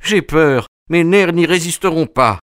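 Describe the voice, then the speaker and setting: A man voicing a terrified, nervous gentleman in a raised, pleading voice for an audiobook. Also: sing-song, a little slow, no echo, studio quality. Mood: panicked. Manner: high, pleading and panicky. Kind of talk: audiobook character voice.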